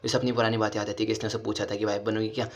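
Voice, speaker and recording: A man recaps a cartoon story in a casual, rapid run-on style, with one event spilling into the next. His voice stays flat and even throughout. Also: lowish voice. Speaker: anime recap narrator.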